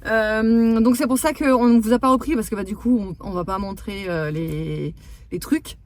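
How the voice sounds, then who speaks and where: A woman in her thirties chatting fast in a casual vlog, with many fillers, recorded in a car. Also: on the high side, a little mellow. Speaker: vlogger. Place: parked car, then at home.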